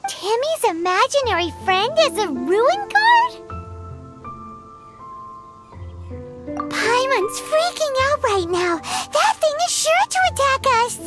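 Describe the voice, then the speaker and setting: Game sidekick: tiny female fairy, very high squeaky voice, excitable and whiny, swooping delivery. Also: measured pace, hardly any pauses, exaggerated voice. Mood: alarmed. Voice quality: squeaky, childlike. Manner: speaks of herself in third person, dramatic. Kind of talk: English video game character acting. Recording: background game music under voice.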